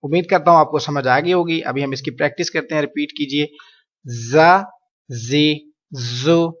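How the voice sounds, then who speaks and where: Man, quran reading teacher, fairly high voice, drawn-out letter drills, dull recording. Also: fairly even intonation. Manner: models letter sounds slowly and loudly, then explains. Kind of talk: teaching Arabic letter pronunciation.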